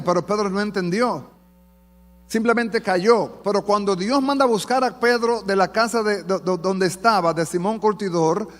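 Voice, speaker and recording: A pastor preaching a fervent sermon to his congregation in a church, addressing them warmly as beloved. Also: high voice. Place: church sanctuary. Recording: long church hall reverb.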